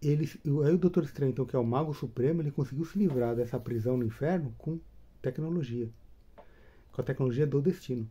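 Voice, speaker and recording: A man casually retelling a comic book story, chatty and animated, tagging his sentences with questions. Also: mid-range voice, fast talker, husky.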